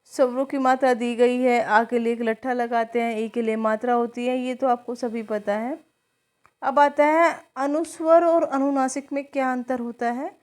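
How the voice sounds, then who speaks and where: A woman's voice: on the high side, fairly even intonation, normal speed, a little mellow. A woman teaching a grammar lesson for exam preparation, reciting letters one by one and explaining them patiently.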